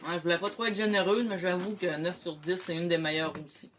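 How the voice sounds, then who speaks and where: A woman's voice: lowish voice, quick pace, slight background noise. A woman with a Québécois French accent casually hosting a snack tasting, munching chips as she talks. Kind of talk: casual chat, food tasting.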